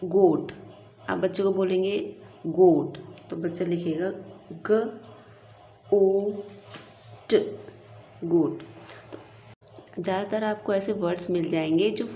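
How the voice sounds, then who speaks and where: A woman teacher explaining to parents how to teach a child spelling, slowly sounding words out letter by letter. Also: lowish voice. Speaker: teacher and channel host. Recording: muffled, echoey room with faint hiss.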